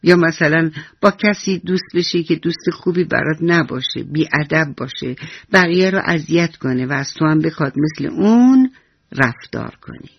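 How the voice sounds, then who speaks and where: A woman voicing a kind, patient old grandfather who speaks slowly and softly, on a dull lo-fi radio recording. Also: sits low, animated, no room sound. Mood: tender.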